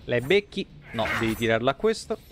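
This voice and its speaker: Speaking a little fast and very animated, this man's medium-pitched voice cuts through background noise as he streams from an indoor room on webcam. The live streamer swears and exclaims casually while commentating on a game, its sound effects and ambience audible underneath.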